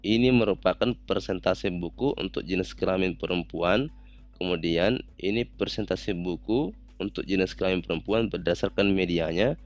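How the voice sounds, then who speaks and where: A man calmly walking through statistics software steps one by one in a recorded tutorial. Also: deep voice. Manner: calm, methodical step-by-step explanation.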